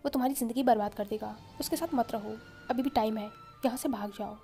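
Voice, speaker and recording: A woman's voice: on the high side, fast talker, warm tone, soft background music, lightly acted. A woman voicing a sulky, hot-tempered young man who talks in pouting, snappish retorts.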